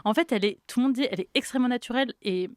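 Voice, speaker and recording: A young woman hosting a podcast, telling a story in a lively, chatty way with quoted asides. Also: fairly high pitch, very fast, no room sound. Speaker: podcast host. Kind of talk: casual storytelling chat.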